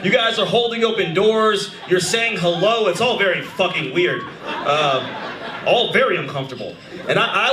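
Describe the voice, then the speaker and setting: A man in his thirties doing a stand-up comedy set, animated and shouting his punchlines. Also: sits high. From United States. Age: 30s. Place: comedy club stage before a live audience. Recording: roomy club with crowd laughter. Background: audience laughing.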